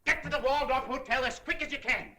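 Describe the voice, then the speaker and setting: An actor playing an irascible, melodramatic newspaper editor, hurling florid, blustering insults in 1930s screwball comedy film banter. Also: male voice, very high voice, a little fast, noisy background. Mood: furious.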